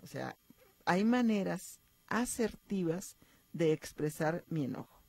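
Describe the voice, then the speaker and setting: A woman's voice: lowish voice, slow, gravelly, dry recording. Radio guest, woman psychologist, dry close sound, explanatory. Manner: explanatory, calm, uses fillers like "este". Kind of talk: advice talk on radio.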